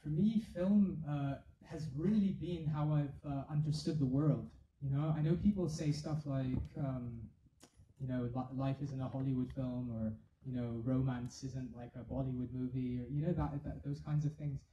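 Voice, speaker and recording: A man on a film panel answering in a measured, slightly hesitant way. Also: mid-range voice, steady tone, warm tone, highs cut off, a little hiss or hum. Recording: distant, echoey.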